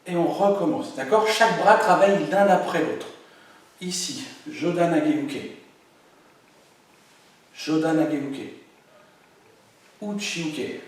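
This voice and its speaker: A man's voice: a little high, takes it slowly, long pauses, recorded from a distance. Man coaching karate in echoey room. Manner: counting out drills, coaching students. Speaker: karate instructor. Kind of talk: online workout class instruction.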